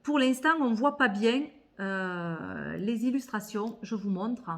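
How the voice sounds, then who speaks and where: Speaking slowly and expressively at a medium pitch, a female tarot and oracle card vlogger gives a relaxed haul chat about tarot decks. She reasons out loud and tends to repeat words while hesitating.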